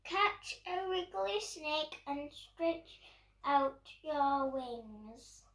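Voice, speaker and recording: A young girl with a British accent reads a picture book aloud in a playful storytime manner, acting out bird calls and actions. Her female voice is high-pitched and fairly bright, with drawn-out words, recorded from a distant microphone with roomy echo.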